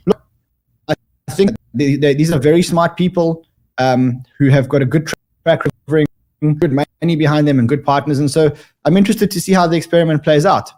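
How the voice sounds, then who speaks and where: A man's voice: fairly high pitch, normal speed, a little mellow. A man joins over a video call whose audio clips and distorts, with some lines sounding set back from the mic. He talks emphatically and repeats words as he restarts his sentences. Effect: clipping, distorted audio. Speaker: guest commentator. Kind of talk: remote interview discussion.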